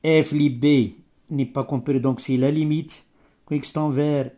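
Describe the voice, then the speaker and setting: Homme au débit lent, français hésitant et approximatif. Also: male voice, a little high, fairly even intonation, dark tone. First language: not French. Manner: halting, broken French with grammatical slips and word searching. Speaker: maths teacher. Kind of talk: improvised maths lesson.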